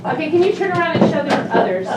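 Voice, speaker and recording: A woman's voice: sits high, very animated, rapid-fire. A woman hosting a live improv show, chatty and laughing as she coaxes suggestions from the audience. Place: small theater stage. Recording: far, echoey room with crowd noise.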